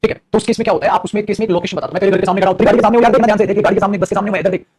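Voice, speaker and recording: A man's voice: high voice, steady tone, very fast, darkish tone, slight background noise. A man teaching prepositions to a class, explaining patiently and addressing students as "beta". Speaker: English teacher.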